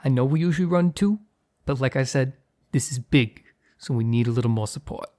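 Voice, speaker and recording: In an ASMR roleplay, a man voices a gruff, short-tempered mob boss who keeps his work hidden from his partner, using a gravelly, husky, mid-range voice at a brisk, natural pace. He sounds commanding and businesslike, barking street-tough slang at his crew but dropping to a flustered, hushed stammer with his partner.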